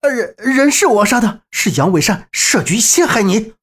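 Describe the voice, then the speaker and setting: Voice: mid-range voice, very animated, moderate pace, a bit bright, slightly rough, pitched above the performer's own voice. A man voicing a cowardly old male swordsman who stammers and pleads for his life. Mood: pleading.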